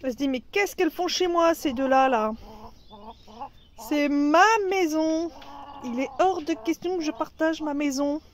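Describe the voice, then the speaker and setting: An indignant hen guards her coop and complains in a huffy, outraged way, as a woman puts her on. The voice sits fairly high and moves unhurriedly, with drawn-out, offended phrases.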